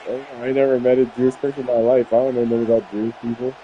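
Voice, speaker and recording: A man's voice: medium pitch, little pitch movement, rapid-fire, phone-quality sound, a little hiss or hum. A young man chatting loosely and profanely while playing a football video game, laughing through his stories. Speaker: gaming streamer.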